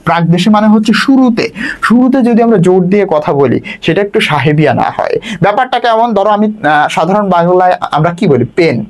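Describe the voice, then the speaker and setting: A young man teaching a literature class, explaining a text line by line and restating each point for his students. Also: high voice. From Bangladesh. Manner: lively, quick, repeats and rephrases for students.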